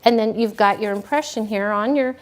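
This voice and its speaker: A woman's voice: mid-range voice, a little fast. Folksy woman teaching cake decorating. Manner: folksy, relaxed, talks while working. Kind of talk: hands-on demonstration.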